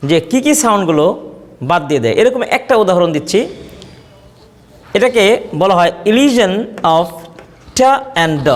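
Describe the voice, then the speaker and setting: Male English teacher with a Bangladeshi accent, lively pitch, drills words slowly, reverberant room. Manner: repeats example words slowly, contrasting pronunciations. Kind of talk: spoken English lesson. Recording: long reverb.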